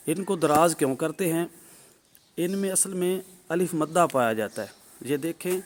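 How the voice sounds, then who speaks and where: A middle-aged man teaching a Quran recitation lesson, patient and repetitive, drawing out each syllable he models. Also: fairly high pitch. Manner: patient, repeats points, models each syllable loudly and drawn out. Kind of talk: alphabet pronunciation lesson.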